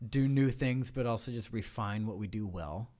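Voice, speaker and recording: Mellow and on the low side, the man's voice moves at a moderate pace through a relaxed studio interview captured on a studio microphone. As a guest who does improv and sketch, he discusses his work loosely, often restarting and using fillers.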